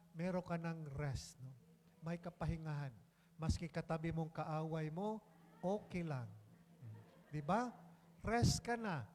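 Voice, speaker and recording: Filipino priest, high voice, chatty homily, long church reverb. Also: male voice. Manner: conversational, prompts congregation, mixes English phrases. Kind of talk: sermon.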